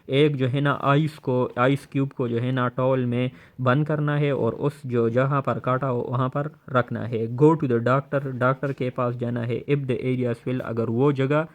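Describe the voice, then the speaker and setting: A man with a Pakistani accent teaching a schoolbook lesson, explaining in a relaxed way, reading English lines slowly and counting aloud, with many hesitation fillers. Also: mid-range voice.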